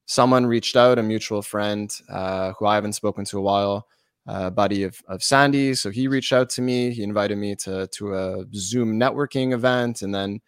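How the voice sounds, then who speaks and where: A man's voice: fairly low pitch, normal speed, clean tone, dry recording, clean studio sound. A Canadian man from Montreal chatting as an interview guest, with a casual hockey-bro way of talking. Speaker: podcast guest, company representative. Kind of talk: conversational interview talk.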